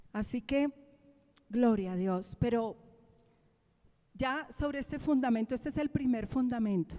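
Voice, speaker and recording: A woman's voice: a little high, dark tone. A woman from Colombia, a pastor, preaching a sermon in church, asking the congregation questions and repeating key lines. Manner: preaching with call-and-response questions and repeated refrains. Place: church sanctuary. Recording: long reverb of a church hall.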